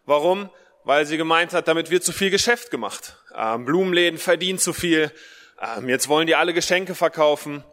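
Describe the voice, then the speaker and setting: A man's voice: on the high side, fairly quick, a bit bright. A man giving a casual, conversational sermon, with a speech impediment that leaves his R unrolled, repeating short phrases for emphasis. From Russian-German family background, Germany. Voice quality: speech impediment, cannot roll the R. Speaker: preacher. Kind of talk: casual livestreamed sermon for Mother's Day. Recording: long hall reverb.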